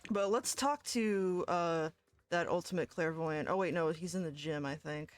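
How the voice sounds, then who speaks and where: A woman's voice: lowish voice, moderate pace, no room sound, soft background music. A woman streamer chatting casually and giggling while she plays through a game. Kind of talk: casual chat while gaming.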